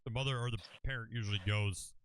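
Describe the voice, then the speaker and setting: A man's voice: lowish voice, fairly even intonation, heavy background noise. A man with a Southern Californian accent riffing jokes in casual, profane podcast chat, saying "bro" often. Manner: fast, joking, profane, says "bro" a lot. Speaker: podcast co-host. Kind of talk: casual chat, joking riffs.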